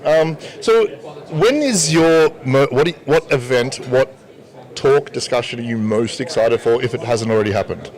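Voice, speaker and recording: A man's voice: medium pitch, moderate pace, a little mellow, low-quality recording. A man, hosting a casual chat. He jokes, laughs often and restarts his sentences. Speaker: livestream host interviewer.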